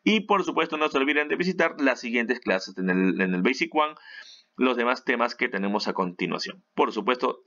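A man's voice: mid-range voice, gravelly, pushed and bright, highs cut off. A man, teaching an online English lesson in a chatty way that keeps checking in with the listener. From Peru. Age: 30s.

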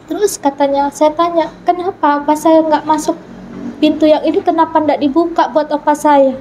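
High-voiced woman telling her story earnestly. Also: fairly even intonation, moderate pace, mellow, a little hiss or hum, poor audio. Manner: earnest storytelling, acting out quoted dialogue. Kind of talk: personal testimony interview.

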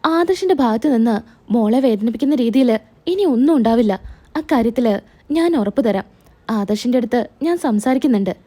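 A woman's voice: a little high, lively intonation, a little fast, dark tone. A woman voicing a caring middle-aged mother-in-law in a spoken serial recap, talking in a soothing, reassuring way.

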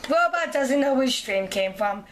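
A woman voicing a smooth, slow-talking robot servant who announces its actions in an even, robotic way. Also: high-pitched, pitched below the performer's own voice.

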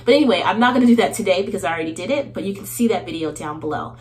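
In her small bathroom, a woman in her thirties hosts a get-ready-with-me video, chatting and laughing often, a little nasal from a cold. Her beauty-vlogger voice is low-leaning and darkish, animated and very fast.

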